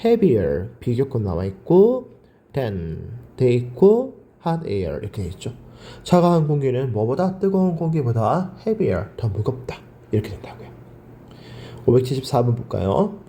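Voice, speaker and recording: A man's voice: medium pitch, very animated, measured pace, dark tone, slight background noise. A male teacher giving a grammar lecture. He asks his class questions, answers them himself and drills the words by repeating them.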